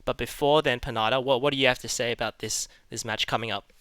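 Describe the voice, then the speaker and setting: A man's voice: medium pitch, fairly even intonation, quick pace, bright, forceful tone, smooth, no room sound. A young man speaking as an esports caster, hyping up a match for stream viewers with casual, unscripted patter.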